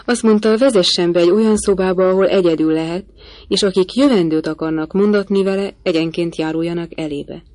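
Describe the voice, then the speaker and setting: Woman reading a nervous male servant, deferential, apologetic, lowish voice, dry. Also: steady tone, darkish tone, no echo, natural voice. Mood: reporting.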